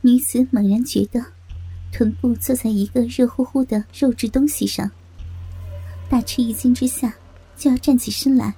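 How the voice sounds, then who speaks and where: Woman reading a story aloud, real dark mellow tone, bit husky, soft music behind. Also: a little high, rough recording. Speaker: narrator. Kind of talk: scripted story narration.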